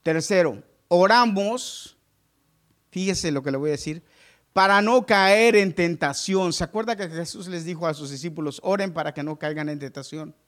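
A male pastor preaching a sermon to his congregation, moving between loud exclamations and hushed asides. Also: a little high, moderate pace.

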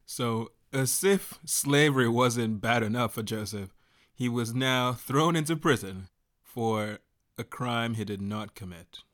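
A man preaching a sermon as a story, animated, laughing often and breaking into shouts. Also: mid-range voice, a little slow.

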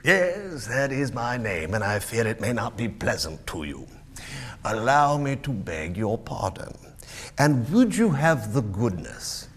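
A man's voice: medium pitch, big pitch swings, measured pace, fairly bright tone, slight background noise. Scrooge, a man doing an old miser turned jolly. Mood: courteous. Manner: emphatic, theatrical storybook delivery. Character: old reformed miser, gruffly jovial man.

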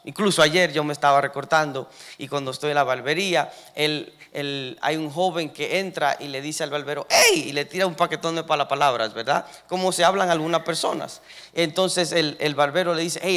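A man's voice: on the high side, fairly quick, fairly bright tone. A young man preaching as pastor of his congregation, telling everyday stories with many fillers and building emphasis. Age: young adult. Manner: conversational storytelling, many fillers and rising emphasis. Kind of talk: sermon.

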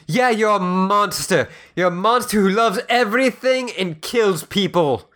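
A man playing a sarcastic, grumpy newcomer on a spaceship, with a deadpan delivery. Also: sits high, a little slow, exaggerated voice. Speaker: improv comedy performer. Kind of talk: improvised comedy podcast.

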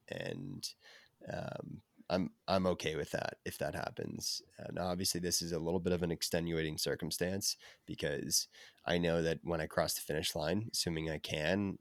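Hoarse young man, low and gravelly from illness. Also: dry recording, studio quality. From United States. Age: young adult. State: hoarse and sick with covid. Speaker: podcast guest, endurance runner. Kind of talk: casual interview chat.

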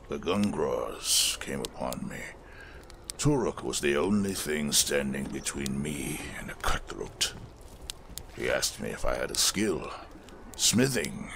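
Grave and remembering, this exaggerated male bass plays a weary, solemn blacksmith and ex-fire preacher in a fantasy audio drama. His gravelly voice moves in a measured, reflective way yet carries a fairly bright tone. A faint hiss or hum sits under the recording.

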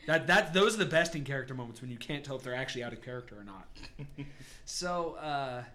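A man's voice: mid-range voice, expressive, quick pace, pushed and bright, a little hiss or hum. A man narrating a tabletop game as game master, laid-back, swearing and laughing often.

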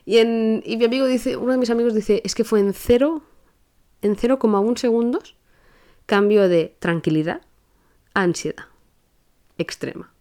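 A young woman with a Spain Spanish accent, hosting a podcast and telling a personal story in a casual, animated way, often restarting her sentences. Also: on the high side. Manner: animated, rushes and restarts while telling an anecdote. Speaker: podcast host.

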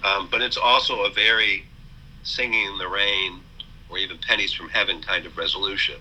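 A man with a low voice and a very bright, forceful tone, talking as a guest in an interview. He speaks in a measured, hesitant way, full of pauses and fillers. A faint hiss sits under the recording. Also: steady tone, rough recording. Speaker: author and college president, guest. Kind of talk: thoughtful interview talk.

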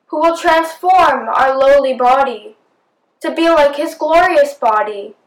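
High-voiced woman reader, slow measured scripture reading, echoey distant mic.

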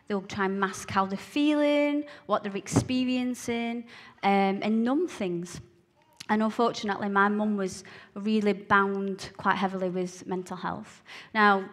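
A woman's voice: mid-range voice, a bit bright. Scottish woman with a broad Glaswegian accent. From Glasgow, Scotland. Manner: earnest, halting storytelling with repeated phrases for emphasis. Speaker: speaker giving a testimony. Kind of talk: personal testimony told to listeners.

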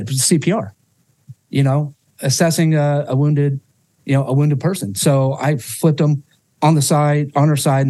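A man speaks as a podcast guest with a mellow, relaxed tone in a dry, close-sounding room. He tells a personal story with raw emotion, swears freely and often restarts his sentences. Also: medium pitch, no room sound.

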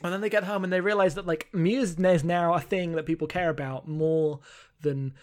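On a podcast he co-hosts, a man recaps an anime movie in a loose, rambling, amused way full of fillers. His voice sits high with a darkish tone, fairly even intonation, and normal speed.

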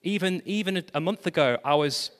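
A man pastor preaching a sermon, animated, with self-deprecating humor and exclamations of praise. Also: fairly high pitch, fairly quick, long reverb tail.

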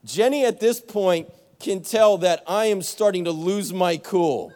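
A young adult male pastor preaching a sermon, telling a story with animated back-and-forth and poking fun at himself. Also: high voice, unhurried, in a large hall. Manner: animated storytelling, acts out both sides of an argument, self-mocking. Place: church sanctuary.

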